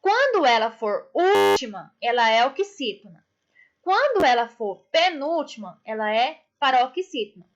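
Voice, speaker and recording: Brazilian woman, primary teacher, high and unhurried, affectionate with kids, muffled home recording. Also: big pitch swings. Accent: Brazilian Portuguese. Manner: affectionate, drawn-out explanations for children. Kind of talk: online class lesson. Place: indoors, construction noise nearby.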